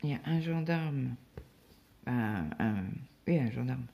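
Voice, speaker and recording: A woman's voice: deep voice, brisk, vocal fry, lo-fi sound. A woman from France chatting casually on her craft vlog, rambling through everyday stories with lots of fillers while getting over a stomach bug. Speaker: cross-stitch vlogger. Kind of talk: casual chat.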